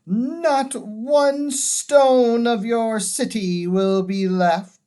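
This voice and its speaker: A woman voicing a proud, furious witch queen, speaking slowly, loudly and menacingly. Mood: furious threatening. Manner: booming, slow, menacing.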